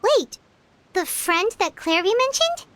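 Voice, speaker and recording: A woman voicing a small, curious, earnest fairy companion in a video game, with a squeaky childlike voice and an inquisitive, expressive manner. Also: slow pace, slight background noise, heavily acted. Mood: curious, puzzled. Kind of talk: video game character dialogue.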